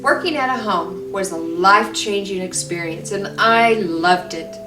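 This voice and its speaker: Earnest woman telling her story slow and steady, echoey room, music playing underneath. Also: medium pitch. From Tanzania. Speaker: volunteer EMT making a fundraising appeal. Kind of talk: personal storytelling appeal. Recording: roomy, distant mic, music behind.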